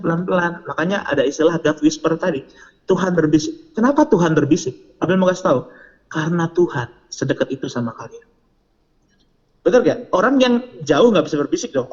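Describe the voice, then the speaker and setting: A man leads a casual youth devotion, speaking in a chatty, slangy way and tossing questions to his listeners. His voice sits somewhat high for a man. The recording sounds muffled and lo-fi. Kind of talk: casual youth sermon and prayer.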